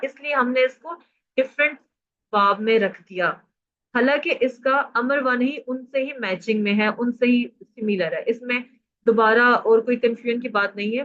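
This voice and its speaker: A woman's voice: fairly high pitch, fairly even intonation, normal speed. A woman teaching a classroom grammar lesson. She drills verb conjugations, prompts her students for answers and praises them when they get it right. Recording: muffled lo-fi audio.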